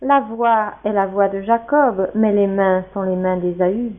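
A woman's voice: medium pitch, fairly even intonation, unhurried, lightly acted. Woman reading as an old blind father, solemn. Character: Isaac, old blind father blessing his son. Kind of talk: scripture reading. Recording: tinny phone-like sound.

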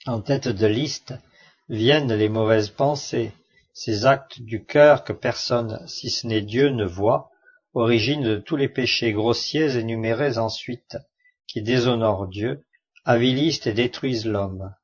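A man reads devotional commentary on scripture in a measured, earnest voice. His pitch sits in the middle range. The recording is a little dull and lo-fi. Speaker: Bible study reader. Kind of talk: devotional commentary read aloud. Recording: muffled lo-fi recording.

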